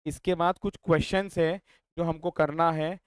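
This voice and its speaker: Lively Indian man teaching maths. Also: a little high, clean tone, no room sound, clean studio sound. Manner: lively, quizzes students with quick questions. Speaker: maths tutor. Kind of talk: classroom lecture.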